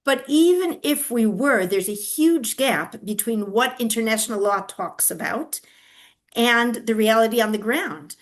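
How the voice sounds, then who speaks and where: An older woman, a grandmother and activist, answers interview questions as a guest. Her voice is a little high, animated and unhurried, and she explains things earnestly with frequent fillers and restarts. Hebrew is not her first language.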